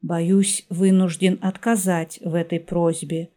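A woman voicing a gaunt, hooded male shopkeeper who speaks in a quiet, breathy half-whisper with an aloof, formal manner. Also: on the low side, level tone, slow pace.

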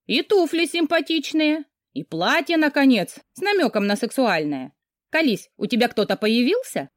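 A woman's voice: high voice, big pitch swings, normal speed, no room sound, studio quality, voice pushed up. Woman playing bubbly, bossy young friend Karina. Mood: teasing. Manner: teasing, bubbly.

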